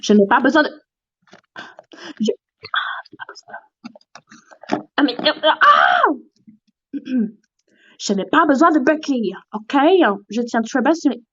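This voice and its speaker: A woman's voice: high voice, lively intonation, moderate pace, long pauses, husky, highs cut off. A woman voicing an ancient, indignant female tortoise in a toy role-play on a livestream. She huffs and demands respect. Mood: huffy. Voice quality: huffy and pompous, keeps demanding respect.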